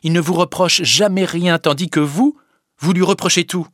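Voicing a commanding young village girl in an audiobook, a man raises his pitch above his natural voice into a high register, speaking at normal speed. She scolds firmly, then becomes gentle, and the recording is dry and studio quality.

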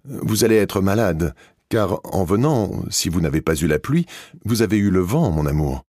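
A man reading an audiobook, voicing an older noblewoman who speaks slowly and emphatically. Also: very deep voice, no echo, clean studio sound. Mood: caring. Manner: slow, emphatic, loud. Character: older spinster noblewoman, caring and firm.

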